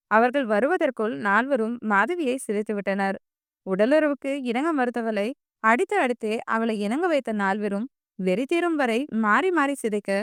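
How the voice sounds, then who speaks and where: A woman's voice: a little high, clean tone, no room sound, studio quality. A woman narrating an audio novel in a dramatic storytelling manner.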